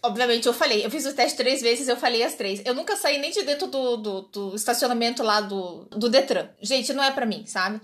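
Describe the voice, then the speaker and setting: A woman with a Brazilian Portuguese accent chats as a podcast co-host. Her voice sits fairly high, and she tells stories in an animated, laughing way, often restarting her sentences. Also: a little fast, hardly any pauses. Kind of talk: casual chat.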